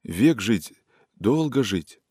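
A weak, dazed young man, lovesick and feverish, speaking faintly and haltingly, almost in a whisper, as a male reader does him. His voice is low and dry, close to the mic. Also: very animated, dark tone, breathy edge, dry recording, exaggerated voice.

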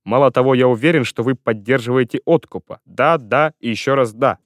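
A man reading aloud, voicing a drunk young writer who shouts angry accusations. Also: medium pitch, a little fast, dry recording, studio quality, close to an everyday voice. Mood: accusing. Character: drunk, furious young male newspaper writer.

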